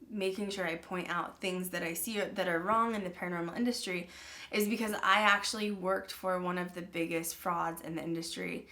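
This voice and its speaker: A young adult woman hosting a paranormal channel talks casually to her viewers in vlog style, chatty and peppered with "um" and "like." Her voice is lowish and bright with a forceful tone.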